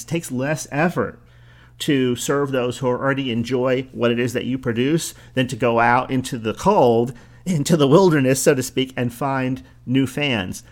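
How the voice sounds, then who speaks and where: A middle-aged man with a New Jersey accent talks through his solo podcast, casual and conversational. He wanders into asides and corrects himself mid-thought. His voice sits in an ordinary middle register. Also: medium pitch. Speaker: podcast host.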